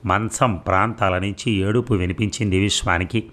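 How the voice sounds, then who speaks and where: A man with a lowish voice reads a story aloud. His narration is calm and even, with a measured, steady pace. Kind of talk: scripted narration.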